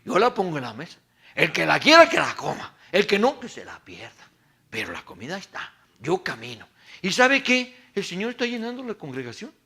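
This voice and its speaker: A man's voice: high-pitched, pushed and bright, husky. A middle-aged man preaching animatedly to a men's conference, full of stories and rhetorical questions. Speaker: pastor.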